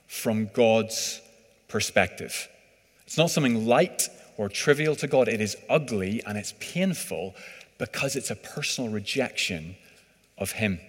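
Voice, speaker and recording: Preacher in a reverberant hall. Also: male voice, mid-range voice, fairly bright tone, breathy edge. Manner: conversational, hesitant with fillers and "sort of". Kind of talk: sermon.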